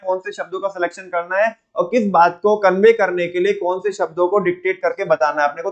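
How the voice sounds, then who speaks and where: A young male teacher lectures a room full of students in a bright, high register, constantly quizzing them and drilling terms through call-and-response. The recording sounds a little muffled and lo-fi, and the students' replies come through now and then. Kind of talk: live classroom lecture. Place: classroom with students.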